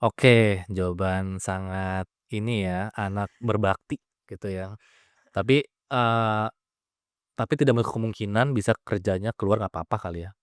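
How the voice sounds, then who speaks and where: A man's voice: lowish voice, normal speed, clear, resonant tone, no room sound, studio quality. Playful young man hosting a podcast. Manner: playful, teasing questions mixing English phrases. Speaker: podcast host. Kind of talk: casual interview.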